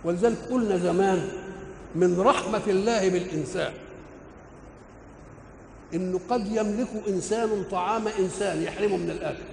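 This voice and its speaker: An older Egyptian man preaching in a high, gravelly voice. He keeps posing questions to his audience and answering them himself. The old recording rings with long hall reverb over a faint hiss. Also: fairly quick, long pauses, a little mellow. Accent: Egyptian Arabic. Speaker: preacher explaining the Quran. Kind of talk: colloquial religious lecture.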